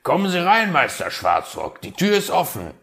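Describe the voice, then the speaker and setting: A man voicing an excitable, fussy male fox in a storybook tale, speaking high and loud. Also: a little slow, vocal fry, heavily acted. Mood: eager.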